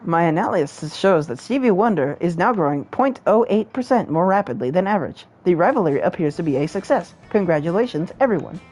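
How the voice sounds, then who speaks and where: A woman voicing a polite robot student in a dating game, speaking in a flat, formal way. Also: on the low side, brisk, hardly any pauses, rough recording.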